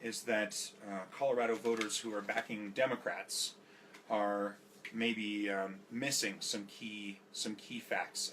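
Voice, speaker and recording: A man hosting a radio interview, asking questions in a halting, hesitant way. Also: lowish voice, pushed and bright, slight background noise.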